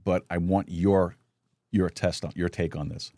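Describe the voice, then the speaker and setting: A man's voice: low-pitched, steady tone, measured pace, mellow, no echo, studio quality. A middle-aged man hosting a live talk show, telling stories with many restarts and chuckles. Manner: storytelling with lots of restarts and chuckles. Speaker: podcast host. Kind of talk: casual live chat.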